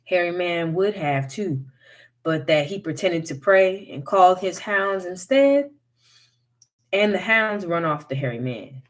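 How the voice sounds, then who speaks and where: Slow, low-voiced woman reading a folktale. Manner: unhurried, expressive storytelling. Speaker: storyteller.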